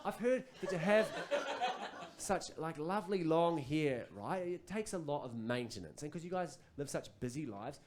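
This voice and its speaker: New Zealand man doing stand-up. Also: fairly high pitch. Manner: animated storytelling, acts out voices. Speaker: stand-up comedian. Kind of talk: stand-up comedy set. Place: comedy club stage.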